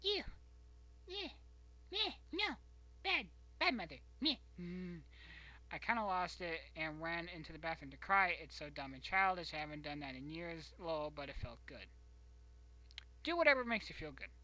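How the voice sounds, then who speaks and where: A streamer reading a post aloud and commenting in a loose, rambling way, dropping into whispered mutters between sentences. The voice is bright and forward, sitting at a middle pitch. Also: animated, moderate pace, poor audio.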